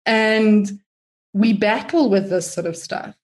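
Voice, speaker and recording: A woman speaks as an interview guest, her voice sitting at an ordinary middle pitch. She is chatty and animated, and she keeps voicing her own inner thoughts as she goes. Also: takes it slowly. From South Africa. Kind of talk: casual conversational interview.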